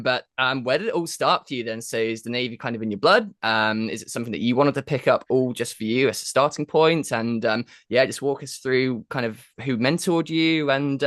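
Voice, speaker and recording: A man's voice: medium pitch, fairly bright tone, no room sound. A man hosting a podcast, presenting and interviewing in an effusive, enthusiastic, informal way. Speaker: podcast host.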